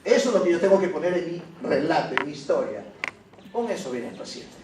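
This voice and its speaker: Man, Peruvian Spanish accent, medical lecturer, teasing, high voice, distant mic, very echoey room. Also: a little fast, background noise. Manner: lively, teasing, addresses students directly. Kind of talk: classroom lecture.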